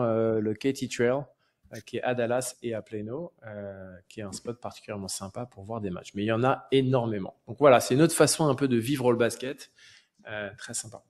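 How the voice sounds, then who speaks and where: A man at a mid pitch, chatting on a podcast. He is relaxed and conversational, and fills his sentences with small hesitations. Nothing about it sounds scripted. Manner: easygoing, chatty, peppered with filler sounds. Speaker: podcast co-host. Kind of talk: casual podcast chat.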